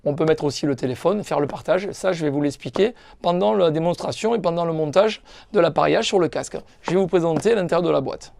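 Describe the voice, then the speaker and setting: A man with a higher voice, gravelly creak, and darkish tone talks fast in a recording with no room sound. As shop staff, he gives a step-by-step hands-on product tutorial, explaining things informally and speaking directly to viewers.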